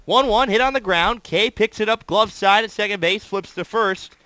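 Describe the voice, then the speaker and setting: A man's voice: sits high, normal speed, sharp tone, dry recording. A man doing live baseball play-by-play commentary as the announcer, in clipped phrases, stretching words on big plays.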